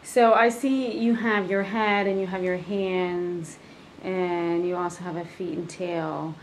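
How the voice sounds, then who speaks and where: A woman conducts a casual interview, her questions wandering and restarting mid-sentence. Her voice is somewhat low. A faint background noise sits under it. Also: steady tone, slow pace, poor audio.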